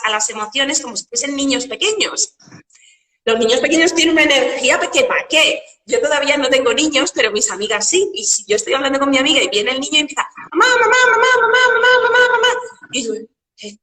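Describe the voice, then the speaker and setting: Animated woman in an echoey room. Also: high voice, far from the mic. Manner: animated, explains with metaphors and rhetorical questions. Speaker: guest coach.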